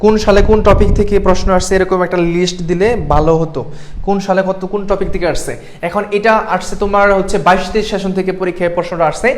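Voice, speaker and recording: A man's voice: high-pitched, steady tone, a little hiss or hum. A young man from Bangladesh tutoring students in a live online class, asking them questions and checking in with them often. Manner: quick, keeps checking in with the class. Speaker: admission exam tutor.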